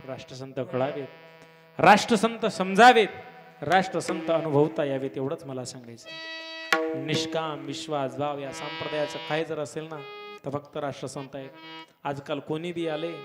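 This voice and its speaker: Fervent man preaching a kirtan. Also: fairly high pitch. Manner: fervent, rising to loud exclamations. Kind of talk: devotional kirtan sermon with chanting. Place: village religious gathering. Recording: long hall reverb with harmonium and tabla.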